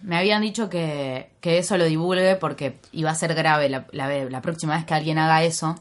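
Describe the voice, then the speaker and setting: Brief: young Argentine woman, Rioplatense accent, lively storyteller on a podcast, slightly low voice, acts out every line she quotes. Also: fairly quick. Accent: Rioplatense Argentine Spanish. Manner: animated storyteller, acts out dialogue, swears freely. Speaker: podcast guest. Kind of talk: casual chat.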